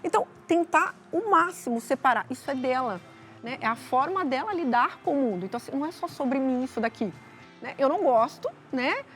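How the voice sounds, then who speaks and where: Brazilian woman guest therapist, high voice, calm explainer, faint music behind. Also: fairly quick. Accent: Brazilian Portuguese. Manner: calm, explanatory, frequent tag questions. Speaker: psychologist guest. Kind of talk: TV talk show advice.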